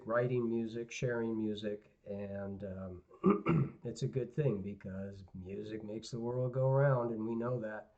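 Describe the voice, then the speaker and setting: A male guitar teacher with a hoarse, raspy mid-range voice gives a casual live online lesson, clearing his throat often. He's relaxed and rambling, tossing friendly asides to viewers. His computer mic on the stream yields dull, lo-fi audio.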